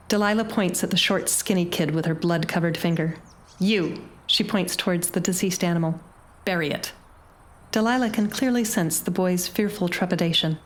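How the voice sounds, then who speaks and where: A woman narrates a short story with a low, steady voice. Her delivery is measured and dramatic, shaping each scene for the listener. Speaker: audiobook narrator.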